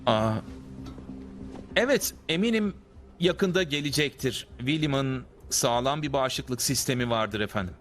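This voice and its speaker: A man's voice: medium pitch, animated, unhurried, a bit bright, faint music behind. An actor dubbing a nervous male lab colleague who hesitates and stammers through his lines. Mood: anxious. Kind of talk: film dubbing.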